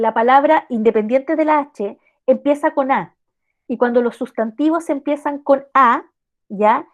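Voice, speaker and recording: Chilean lady teacher explaining grammar, keeps checking in w the class, kinda high voice. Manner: explanatory, checks in with rhetorical questions. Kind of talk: online class lecture.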